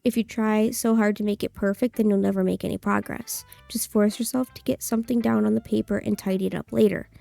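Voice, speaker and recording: A woman streamer voicing a gentle, thoughtful schoolgirl poet who leads a club in a visual novel game, calm and encouraging. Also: mid-range voice, fairly quick, vocal fry, hardly any pauses, dry recording, soft background music.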